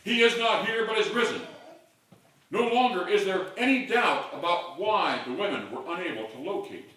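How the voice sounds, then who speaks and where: A man's voice: high voice, expressive, moderate pace. Older male pastor in a big echoing church. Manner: builds to loud call-and-response shouts. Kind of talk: sermon. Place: large church sanctuary. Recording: echoey hall from far off.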